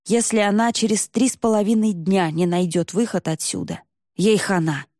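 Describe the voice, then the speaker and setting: A woman's voice: mid-range voice, moderate pace, darkish tone, no room sound, clean studio sound, lightly acted. A woman voicing a cocky young man who talks in slang and mocks others. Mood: slangy mocking. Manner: slangy, mocking.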